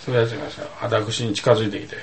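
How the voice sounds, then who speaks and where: A man's voice: on the low side, flat delivery, racing, slight background noise, low-quality recording. A man telling a rambling anecdote in casual chat, full of asides and comic emphasis. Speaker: storyteller.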